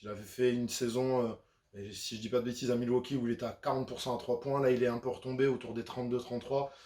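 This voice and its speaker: Male video host, chatty sports breakdown, mid-pitched, echoey room. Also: little pitch movement, fast, warm tone. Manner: chatty, conversational with frequent fillers. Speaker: basketball YouTuber. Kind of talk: casual sports analysis.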